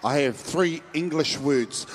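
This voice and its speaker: High-voiced Māori New Zealand man hyping crowds. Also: long reverb tail, a little hiss or hum. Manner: informal, playful, calls out to audience, mixes in Māori words. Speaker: festival stage host. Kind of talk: crowd-hyping live event hosting.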